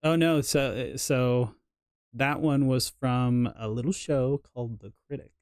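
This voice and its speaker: A man chatting casually while he plays a game on stream, spinning rambling stories and teasing his co-host. His voice sits at a middling pitch. The recording is dry and close, with no room echo. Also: fairly even intonation, a little slow, a little mellow. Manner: rambling storyteller, teasing and jokey. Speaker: gaming streamer. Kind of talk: casual chat while playing.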